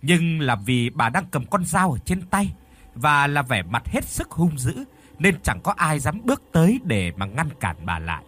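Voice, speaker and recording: Husky man narrating a horror story. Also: on the high side, a little slow. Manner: expressive, voices the characters. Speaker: audiobook narrator.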